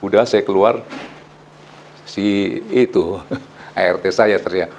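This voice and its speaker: A middle-aged male pastor, preaching a sermon in a lively, storytelling way full of casual slang. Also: on the low side, slow, dull audio, slight background noise.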